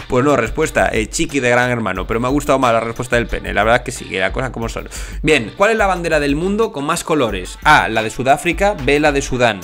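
A young man with a Spain accent streams comedy in a casual, irreverent, deadpan way. His medium-pitched voice is close on a desk mic, with faint music behind it. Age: young adult. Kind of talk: casual comedic livestream chat. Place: small home room, indoors. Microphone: desk microphone at close range.

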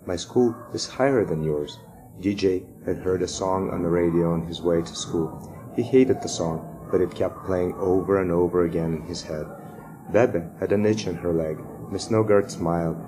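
A man reading a children's chapter book aloud to sixth graders in a steady, measured way. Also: low-pitched, noisy background.

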